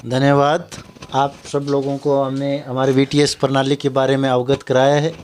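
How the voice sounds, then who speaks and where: A man presenting his school's testing system, speaking slowly and formally and mixing in English words. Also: medium pitch, completely flat delivery, darkish tone, a little hiss or hum. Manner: measured and slow, mixes English words into formal speech. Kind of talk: slow formal talk to camera.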